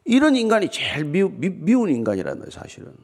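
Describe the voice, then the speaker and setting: A man preaching a morning sermon as pastor, conversational and animated, asking the listeners rhetorical questions. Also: sits high, fast talker. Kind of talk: morning sermon with scripture reading.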